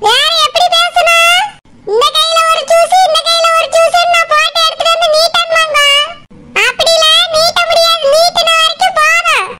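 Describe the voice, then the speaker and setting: A woman's voice: very high voice, flat delivery, moderate pace, heavy background noise. A woman voicing a bossy, mocking village mother-in-law in a cartoon, speaking with a Tirunelveli Tamil accent. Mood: scolding.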